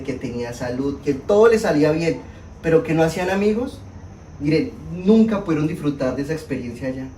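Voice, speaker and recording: A young man with a Colombian Spanish accent preaching a sermon, telling a personal story in an animated, self-mocking way to a congregation. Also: a little high, a little hiss or hum. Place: church hall. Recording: echoey hall, mic at a distance.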